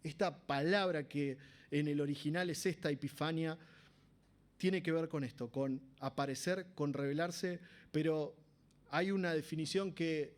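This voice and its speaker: A man with an Argentine Spanish accent preaching a sermon in a church, talking conversationally and often asking the congregation rhetorical questions. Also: fairly high pitch.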